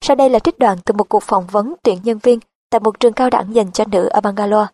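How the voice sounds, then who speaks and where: A woman reading a nonfiction audiobook in an even, measured narration style. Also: mid-range voice, dry recording.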